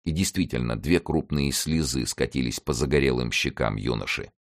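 A man narrating an audiobook with an expressive, theatrical reading. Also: rumbling low, moderate pace, no echo, studio quality.

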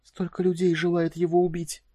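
A man's voice: a little high, fairly quick, a little mellow, dry recording, studio quality, pitched above the performer's own voice, lightly acted. A man reading an audiobook, voicing a frightened, emotional young woman who pleads and cries out. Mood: pleading.

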